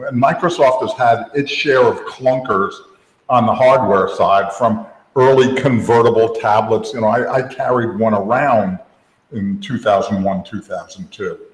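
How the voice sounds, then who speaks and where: Male podcast co-host, rambling and chatty, mid-range voice, recorded in a roomy space with long reverb. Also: mid-range voice. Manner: rambling, full of restarts and "you know". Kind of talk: casual tech podcast chat. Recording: echoey room with long reverb.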